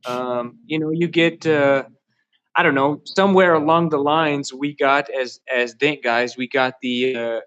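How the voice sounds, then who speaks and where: A man's voice: mid-range voice, steady tone, unhurried, fairly bright tone, clean tone, highs cut off. A man chatting as a guest on a live show, eager and folksy, with lots of fillers. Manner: enthusiastic, folksy, many fillers. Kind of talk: casual live show chat.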